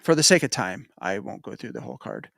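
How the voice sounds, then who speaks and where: A man's voice: mid-range voice, expressive, fast, vocal fry, pushed and bright, dry recording. Man, american, podcast host, casual betting chat, rambling, self-correcting, dry sound. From United States.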